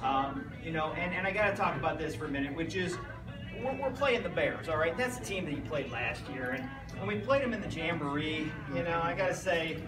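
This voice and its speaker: High-voiced American coach giving an informal speech. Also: male voice, expressive, a little fast. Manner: rambling, anecdotal. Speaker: youth football coach. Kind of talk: informal banquet speech honoring a player. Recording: roomy, distant mic, loud music behind.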